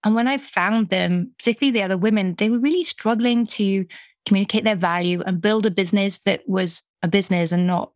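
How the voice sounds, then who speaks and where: Brisk and mid-range in pitch, this UK woman speaks on a dry, studio-quality recording. She's a middle-aged British business coach giving a conversational interview in a chatty style, with frequent restarts.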